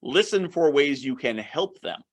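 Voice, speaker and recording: A man's voice: a little high, expressive, measured pace. Man explaining networking on a video call. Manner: conversational, acts out quoted dialogue. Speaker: speaker on networking. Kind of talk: online summit presentation.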